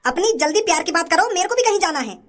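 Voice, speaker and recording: A woman's voice: very high voice, animated, rapid-fire. A woman voicing a stern, short-tempered middle-aged father in a comedy sketch, mocking and threatening in rustic speech. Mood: impatient.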